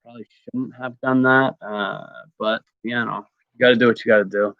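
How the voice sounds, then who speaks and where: A man's voice: medium pitch, fairly even intonation, brisk, dry recording, phone-quality sound. A man hosting a casual live stream chat, easygoing and joking, with lots of fillers.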